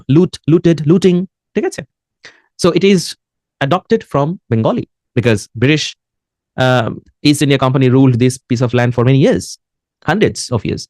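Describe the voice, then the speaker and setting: A man's voice: mid-range voice, a little mellow, dry recording, clean studio sound. A man with a Bangladeshi accent teaching an English pronunciation class, switching between English and Bengali and quizzing his students. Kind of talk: classroom lesson.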